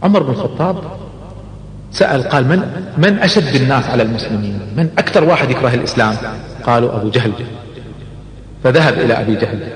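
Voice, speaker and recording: A man telling a sermon story dramatically, rising to loud exclamations. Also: mid-range voice, animated, fast, long pauses. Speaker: preacher. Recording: echoey hall with long reverb.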